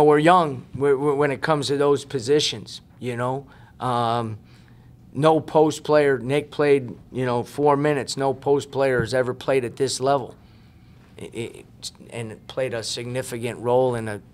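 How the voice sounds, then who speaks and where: A man in his forties, a head basketball coach giving earnest, emphatic postgame answers at a press room table mic, often repeating words as he thinks. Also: mid-range voice. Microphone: table mic on a stand.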